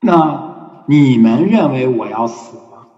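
A man, a hospice volunteer, recounting a story in an unhurried conversational way and often repeating words as he recalls details. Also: mid-range voice, expressive, dark tone. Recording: roomy hall with long reverb, dull sound.

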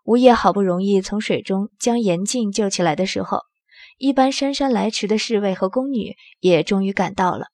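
A woman narrating an audio drama in the first person with a steady storytelling manner. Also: mid-range voice, normal speed, dry recording.

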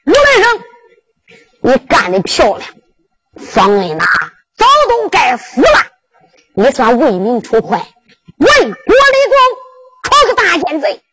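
A storyteller doing a gruff old prince with a Henan accent. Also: high-pitched, wildly swooping pitch, unhurried, long pauses, fairly bright tone, slight background noise, exaggerated voice, poor audio. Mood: approving. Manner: declaiming, commanding. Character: elderly prince, fatherly, booming and gruff.

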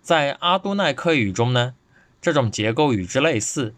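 A man's voice: mid-range voice, animated, moderate pace, fairly bright tone, dry recording. A man presenting a scripted podcast lecture, reading steadily and evenly from his notes into a close microphone.

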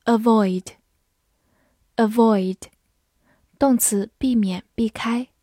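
Woman going over vocab words real slow, mellow voice, dry close mic. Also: a little high, no room sound. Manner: slow, careful word-by-word reading. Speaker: English teacher. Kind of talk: vocabulary lesson.

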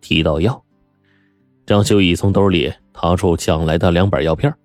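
A man narrating a story in an animated storytelling manner. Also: sits low, moderate pace, no echo, faint music behind. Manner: lively, animated.

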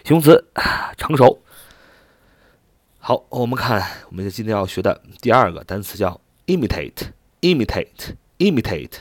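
Lively low-voiced man teaching vocabulary. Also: a little slow, no room sound. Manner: spells words out letter by letter and repeats them; patient, step-by-step explaining with filler particles. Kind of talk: explanatory vocabulary lesson.

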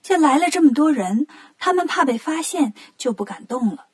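A woman narrating a children's story in a lively, animated way. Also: high-pitched, moderate pace.

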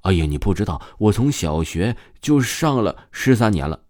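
A man's voice: lowish voice, moderate pace. A man reading as an eager, stammering teenage boy. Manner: excited, stammering.

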